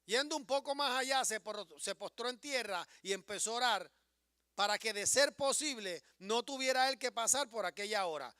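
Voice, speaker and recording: Impassioned preacher man, very high and bright voice, dry close sound. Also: animated, normal speed, no echo. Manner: impassioned, swings from hushed storytelling to rising declarations. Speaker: pastor. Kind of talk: sermon.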